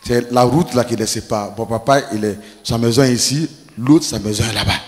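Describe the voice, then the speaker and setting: A man preaching, telling funny family stories with laughter and animated delivery. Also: mid-range voice, fairly quick, in a large hall. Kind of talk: humorous sermon storytelling.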